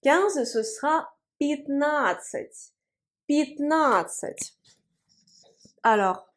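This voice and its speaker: A woman with a high voice gives a language lesson at a board. She speaks slowly and patiently, repeating each word so learners can follow. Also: animated. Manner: patient, drills words slowly and repeats them. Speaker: Russian language teacher. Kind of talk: video lesson. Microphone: writing on a board.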